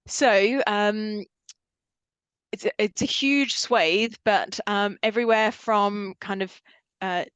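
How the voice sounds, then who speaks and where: A woman with a mostly British accent and a faint Australian trace talks as an interview guest. Her voice sits mid-range, lively and self-deprecating, and the recording is very dry and close. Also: mid-range voice, slow, smooth, no room sound. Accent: mostly British with a slight Australian trace. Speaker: guest, energy association chief executive. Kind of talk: casual interview chat.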